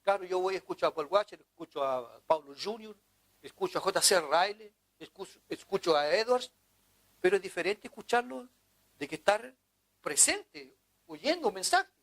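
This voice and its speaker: Impassioned pastor preaching. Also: male voice, sits high, sing-song, normal speed, fairly bright tone. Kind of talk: sermon.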